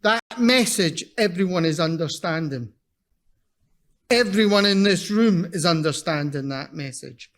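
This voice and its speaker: A man with a broad Scottish accent giving a conference presentation in a blunt, emphatic, deliberate manner, repeating his key points. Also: on the high side, lively intonation, fairly bright tone. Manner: slow, deliberate delivery for non-native listeners. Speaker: invited seminar speaker.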